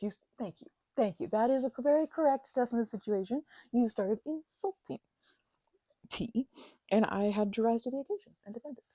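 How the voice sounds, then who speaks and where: In a slightly high, mellow voice, a woman performs a one-sided ASMR roleplay as a chatty, affectionate housemate recovering from a migraine, teasing playfully and stammering as she talks casually. The recording is dry and low in quality.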